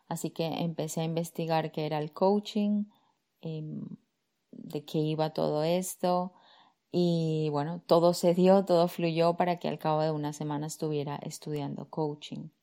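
A Colombian career coach in her 30s tells a personal story on her podcast in a low, warm voice with fairly even intonation. She speaks at a moderate pace, calm and reflective, using soft fillers while she collects her thoughts.

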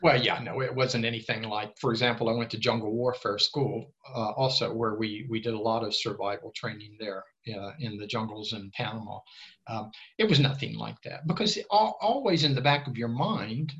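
On a slightly muffled, lo-fi recording, an older interview guest speaks in an animated, mid-range, slightly bright voice at normal speed. He is frank and rambling, frequently stumbling over the first words of his sentences and starting again.

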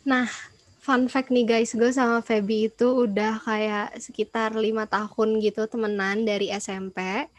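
Teenage female, high-pitched, no room echo, agreeable slangy podcast chat, some English mixed in. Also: level tone, measured pace. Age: teens. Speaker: podcast co-host.

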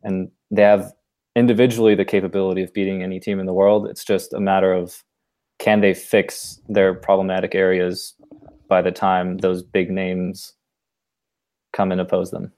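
A man with a German accent and a lowish voice, holding to a narrow, even pitch. He is a podcast co-host who walks through his points at length, restarting his sentences as he goes. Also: moderate pace. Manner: thoughtful, explains at length with restarts. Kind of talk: casual sports discussion.

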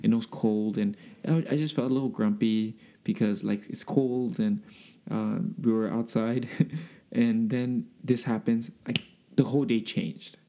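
A young man co-hosting a podcast, speaking slowly and reflectively in casual chat. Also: lowish voice, steady tone. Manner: slow, reflective, gentle. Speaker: podcast co-host.

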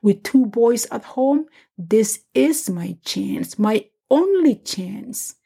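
A woman's voice: fairly high pitch, lively intonation, takes it slowly, vocal fry, dark tone, husky, pitched above the performer's own voice, exaggerated voice. A woman voicing a joyful young village mother who speaks in a sing-song tone to her daughter. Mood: earnest.

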